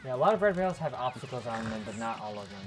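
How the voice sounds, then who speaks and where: A woman's voice: a bass voice, expressive, fast. A woman hosting a casual let's play, chatting as she goes. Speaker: gaming host. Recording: game music behind voice. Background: video game music.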